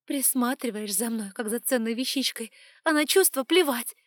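A woman voicing a fiery young heroine in an audiobook, high, loud and emotional, with shrill outbursts. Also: normal speed, no room sound, clean studio sound, lightly acted. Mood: angry. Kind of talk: audiobook character voice.

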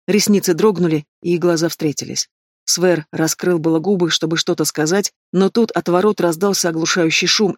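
A man reads a fantasy audiobook in a measured storytelling manner. His voice sits high for a man, and the sound is close and dry. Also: dry recording. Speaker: audiobook narrator. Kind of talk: scripted fantasy narration.

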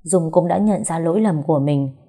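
A woman narrating a dramatic tale in a steady, somber voice. Her tone is low, dark and mellow, with a husky edge. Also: normal speed. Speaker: storyteller.

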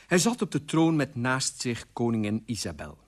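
A man reading a fairy tale aloud on radio with lively, expressive storytelling. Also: mid-range voice, moderate pace.

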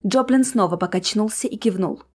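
A woman's voice: mid-range voice, brisk. Woman narrating a tense audiobook. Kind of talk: first-person audiobook narration.

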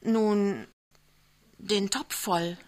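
A woman's voice: mid-range voice, fairly even intonation, a little mellow, pitched above the performer's own voice. A woman reading aloud who voices a cheerful, fretting young newlywed wife, speaking in an eager, fussing way. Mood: fretful. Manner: eager, fussing, quick to indignation. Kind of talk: literary reading on radio.

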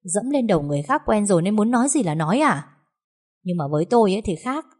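A defiant young daughter-in-law, as a woman reader puts her on talks back in cutting, quick phrases, pitched clearly above the reader's usual voice. She sounds scornful and unbending. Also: big pitch swings, a little mellow.

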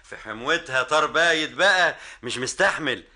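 A man's voice: mid-range voice, animated, measured pace, pushed and bright, full character voice. An actor playing a jovial, teasing family man in a vintage radio drama, speaking Egyptian Arabic. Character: genial older family man, card player.

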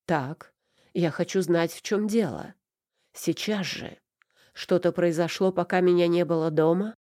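A woman's voice: on the low side, a little slow, mellow, dry recording, clean studio sound, natural voice. A woman voicing a stern, commanding husband who fires curt, demanding questions in an audiobook.

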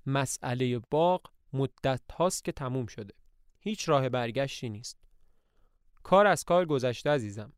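A man's voice: medium pitch, lively intonation, smooth, no echo, studio quality, lightly acted. A man voicing a lofty young student lecturing. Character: lofty idealistic young male eternal student.

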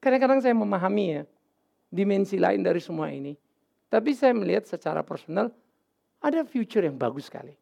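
Gravelly, animated man preaching a sermon. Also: a little fast. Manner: animated preaching with sudden loud high outbursts; casual, mixes in English words. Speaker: pastor. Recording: dull lo-fi sermon recording.

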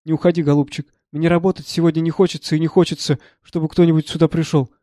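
A man reading the part of a troubled, gentle elderly professor who speaks earnestly and with agitation. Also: fairly high pitch, little pitch movement, fast, no room sound, clean studio sound, natural voice.

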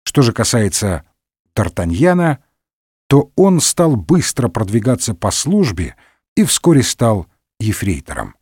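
A man reading a humorous story aloud in a lively, wry manner. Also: lowish voice, measured pace, breathy edge, no echo, studio quality. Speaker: narrator.

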